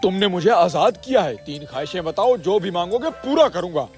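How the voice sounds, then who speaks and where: A man's voice: high-pitched, animated, fairly quick, a little mellow, soft background music. A man voicing a blue male genie, formal and obliging, who calls his master "aaka" and grants wishes in a hurry. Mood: grand, hurried.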